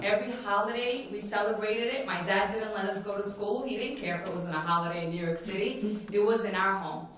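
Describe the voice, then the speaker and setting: A woman's voice: medium pitch, a bit bright, slight background noise. A woman from Morocco giving an earnest personal talk at a forum, telling her story with frequent "you know" fillers. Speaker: forum speaker. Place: conference plenary hall. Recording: very echoey hall.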